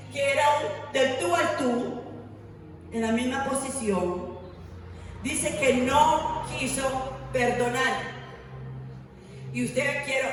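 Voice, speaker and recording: A woman's voice: on the high side, recorded from a distance. A woman preacher giving a sermon. She tells stories, acts out the quoted voices and asks the congregation questions. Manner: storytelling, acting out quoted voices, rhetorical questions. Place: church hall. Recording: echoey hall, voice from afar, faint noise.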